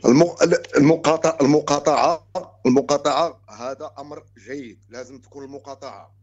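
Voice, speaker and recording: A Moroccan-accented man phones in, his voice dropping away and fading back in over a dull, lo-fi line. He talks quickly in a slightly raised voice, repeating words while the connection breaks up. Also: a little high, fairly even intonation, a little mellow. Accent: Moroccan Arabic. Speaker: caller. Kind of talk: call-in phone contribution.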